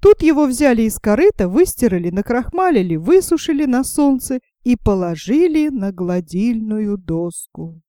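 Woman reading a fairy tale, mellow tone. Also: on the high side, sing-song, moderate pace, few pauses, dry recording, studio quality. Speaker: narrator.

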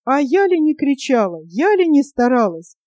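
A woman's voice: high-pitched, big pitch swings, darkish tone, no room sound, clean studio sound, pitched above the performer's own voice. Woman doing a chattering boastful magpie. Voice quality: rapid, chattering.

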